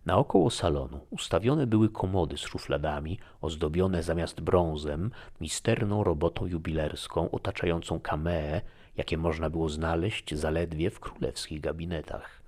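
Deep gravelly male audiobook narrator. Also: a little mellow. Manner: measured, formal storytelling. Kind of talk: scripted narration.

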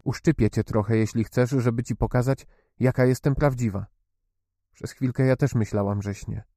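A man's voice: medium pitch, fairly even intonation, moderate pace, dark tone, dry recording, clean studio sound, lightly acted. A man reading the lines of a curious, startled young girl who asks breathless, stammering questions. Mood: earnest. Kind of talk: audiobook character reading.

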